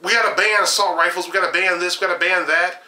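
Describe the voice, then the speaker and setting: A man's voice: sits high, fast, echoey room. Sarcastic young man ranting on camera. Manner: animated, gesturing, sarcastic, frequent fillers and restarts. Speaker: political commentary vlogger. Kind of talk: opinionated political commentary. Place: small room at home, shelves of games behind.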